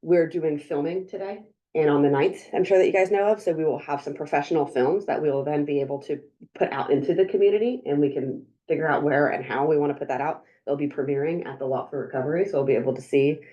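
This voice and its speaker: Low-voiced chatty woman leading a meeting. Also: quick pace, mellow, lo-fi sound. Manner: chatty, upbeat, many fillers and restarts. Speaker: drug council coordinator leading a meeting. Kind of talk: meeting presentation.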